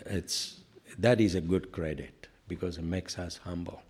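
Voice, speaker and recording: A man's voice: deep voice, steady tone, unhurried, darkish tone, slightly rough. An older man giving an informal spiritual class, rambling through anecdotes with many "you know" asides and self-deprecating humor. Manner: self-deprecating humor, laughs at own jokes. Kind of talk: informal scripture class sermon.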